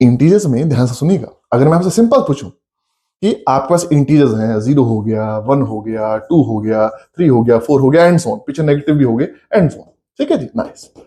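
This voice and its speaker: A man's voice: medium pitch, moderate pace. A middle-aged man teaching a math lesson, coaxing his students along and acting out their questions. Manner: lively, coaxing, addresses students as beta, acts out their questions. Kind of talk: coaching class lecture.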